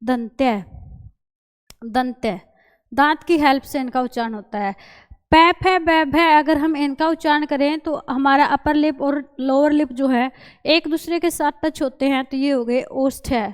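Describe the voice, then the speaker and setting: A young woman teaches an exam-prep grammar class in a high voice. She drills each term again and again, and she poses questions that she answers herself a moment later. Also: fairly even intonation, a little slow. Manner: repeats key terms, asks and answers her own questions. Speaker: Hindi teacher.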